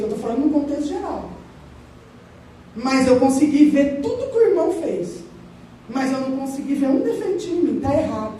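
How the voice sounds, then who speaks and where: Middle-aged lady pastor preaching, high voice, big echoey hall, sounds far off. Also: slight background noise. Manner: lively, joking, acts out little voices. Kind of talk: conversational sermon. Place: large church hall at the altar.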